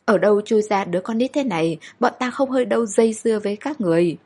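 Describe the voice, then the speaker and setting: A woman's voice: medium pitch, moderate pace, a little mellow, slightly rough, lightly acted. A woman playing a rude, impatient young male soldier leader in a spoken story. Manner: rude and blustering.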